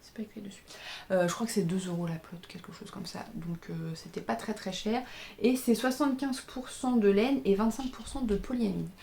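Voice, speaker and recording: A woman's voice: medium pitch, a little fast, gravelly, warm tone, slight background noise. Chatty French woman with many fillers. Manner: hesitant, many fillers and self-corrections; shows yarn and socks to the camera. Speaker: knitting podcast host. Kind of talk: casual chat. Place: indoor room by a window.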